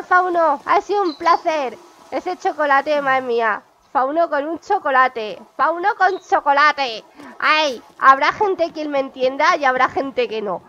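A woman's voice: high voice, fairly bright tone. A young woman with a Spain Spanish accent giving chatty, exclamatory commentary while playing a game and talking to her viewers. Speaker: gaming vlogger. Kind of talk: casual gameplay commentary. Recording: dull lo-fi sound.

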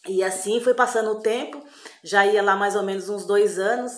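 A woman's voice: mid-range voice, steady tone, normal speed. A woman telling a folk tale in a loose, chatty way, full of little tag questions. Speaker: storyteller. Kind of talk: casual spoken storytelling. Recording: echoey room.

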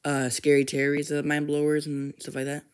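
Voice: mid-range voice, completely flat delivery, normal speed, clean tone, natural voice. A fan voicing a stammering, cranky male scientist grandpa in a plush toy comedy skit, full of fillers and sly teasing. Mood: mischievous.

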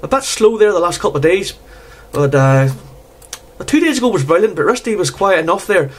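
A man with a high-pitched, slightly rough voice chats casually during an amateur radio contact. He talks briskly with big swings in pitch and keeps tagging his phrases with "there."

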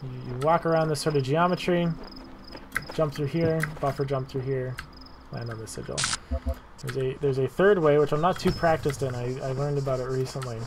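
A man casually narrating a speedrun tutorial over gameplay, relaxed and self-deprecating, with many fillers and repeated words. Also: medium pitch, normal speed, noisy background. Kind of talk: casual gameplay walkthrough commentary.

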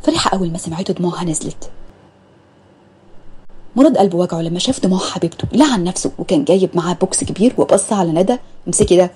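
A woman narrating a romance story in a brisk, conversational way, with an Egyptian accent. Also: fairly low pitch, expressive, mellow, slightly rough. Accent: Egyptian Arabic.

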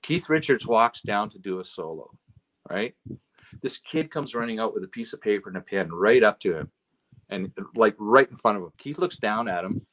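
A man from Canada with a lowish voice tells stories from the road as a guest. He keeps it animated, acting out the people he quotes and checking in with "right?" as he goes. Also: normal speed. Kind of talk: casual storytelling chat.

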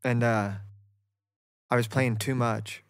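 A man's voice: medium pitch, little pitch movement, slow pace, smooth, no room sound. Easygoing guy chatting as a podcast guest, keeps saying yeah, dry close mic. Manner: laid-back, agreeable, lots of yeahs and restarts. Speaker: guest musician. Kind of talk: casual podcast interview.

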